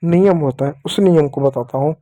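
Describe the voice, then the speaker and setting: A man's voice: on the high side, normal speed, dark tone, dry recording. A male teacher giving an online lesson to young children. He patiently drills each point and asks questions that he answers himself. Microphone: writing with a digital pen while talking.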